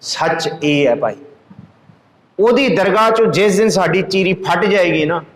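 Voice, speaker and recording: Man, preacher, religious sermon, slow chanted verses between plain explanation, reverberant room. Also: high voice, lively intonation. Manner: chants scripture lines slowly, then explains them. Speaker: Sikh preacher. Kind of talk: religious discourse on scripture.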